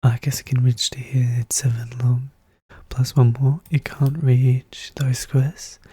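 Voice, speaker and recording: Soft-spoken ASMR puzzle narrator: hushed, breathy half-whisper, flat unhurried delivery, calm and methodical, close dry sound. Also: mid-range voice, no echo. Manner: calm, methodical, thinking aloud. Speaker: puzzle solver narrating own play.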